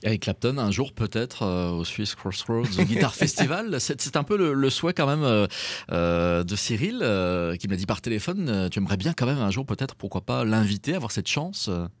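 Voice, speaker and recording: A man hosting a casual radio interview, hesitant, with many pauses and self-mocking jokes. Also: lowish voice, very animated, no room sound. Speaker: radio host.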